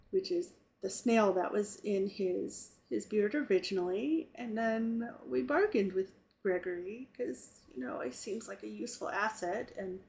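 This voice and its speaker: A woman casually recapping a tabletop game session in a relaxed, rambling way with fillers. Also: medium pitch. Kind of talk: casual chat.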